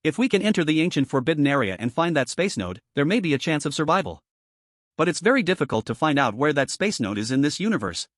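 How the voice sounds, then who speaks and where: A man's voice: a little high, sing-song, quick pace, no room sound, studio quality. A man reading the lines of a graceful reincarnated empress, speaking seriously and earnestly. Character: tall graceful reincarnated empress, woman, guarded.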